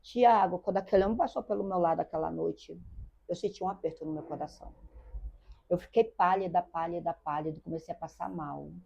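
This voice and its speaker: A woman's voice: on the low side, brisk, gravelly, warm tone, slightly rough. An older woman with a Brazilian Portuguese accent, a guest telling a personal story earnestly, repeating phrases and addressing the host by name. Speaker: interview guest. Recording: dull lo-fi sound.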